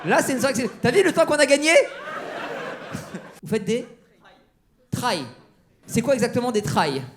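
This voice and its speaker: A man's voice: very high voice, big pitch swings, unhurried, noisy background. A man doing stand-up crowd work on a comedy club stage, teasing the audience with mock-outraged banter. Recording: live show with crowd laughter.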